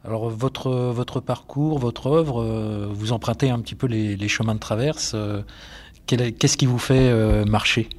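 A man's voice: mid-range voice, fairly even intonation, measured pace. A man interviewing a guest, asking questions while searching for his words.

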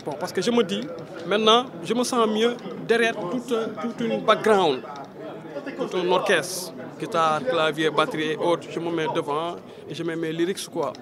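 A man's voice: high voice, steady tone, normal speed. A man in his thirties from Senegal, a rapper chatting loosely in an interview and ending phrases with "quoi". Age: 30s. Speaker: rapper and reggae artist. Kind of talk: casual interview chat. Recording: outdoor crowd chatter behind.

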